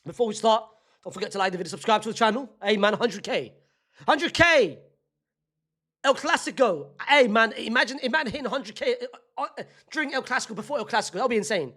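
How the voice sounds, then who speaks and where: A man hosting a football reaction vlog, talking casually in a playful, teasing, mock-solemn way, repeating himself and stumbling over restarts when excited. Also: high-pitched, fast. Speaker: football reaction channel host.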